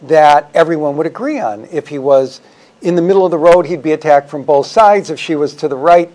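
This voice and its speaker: A man speaking as a historian guest on a talk show, explaining in a measured, articulate way. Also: on the high side, darkish tone. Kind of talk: explanatory interview answers.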